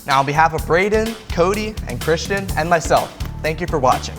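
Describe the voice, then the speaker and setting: A man's voice: a little high, lively intonation, brisk, over music. A young man co-anchoring a local news show with dry, joking remarks.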